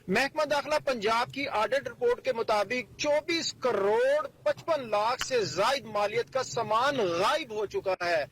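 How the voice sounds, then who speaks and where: High-voiced man reporting news by phone. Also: slight background noise, rough recording. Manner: steady reading of figures and official details. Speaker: bureau chief reporting by phone. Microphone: telephone line.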